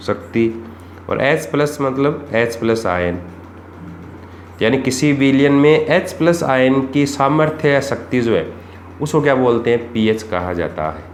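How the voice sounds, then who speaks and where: A man's voice: medium pitch, animated, a little slow. A man teaching chemistry for exams, asking rhetorical questions and repeating the key points. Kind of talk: exam-prep lesson. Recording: echoey room with faint background noise.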